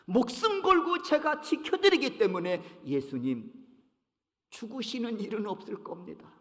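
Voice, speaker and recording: A man's voice: very high voice, lively intonation, measured pace, sharp tone, in a large hall, voice pushed up, heavily acted. A man voicing Peter as an eager, impulsive disciple who protests and boasts. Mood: boastful. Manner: pleading and boastful.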